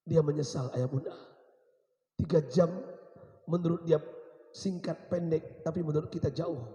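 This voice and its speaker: A man's voice: a little high, unhurried, dark tone. A man preaching a sermon, emphatic, repeating rhetorical questions to his congregation. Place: mosque hall. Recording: echoey mosque hall.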